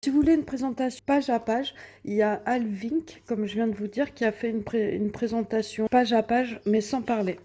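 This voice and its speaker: Mellow-voiced woman chatting casually. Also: on the high side, steady tone, normal speed. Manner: chatty, hesitant, many fillers and restarts. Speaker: coloring vlogger. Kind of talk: casual show-and-tell vlog. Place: at home in front of a window.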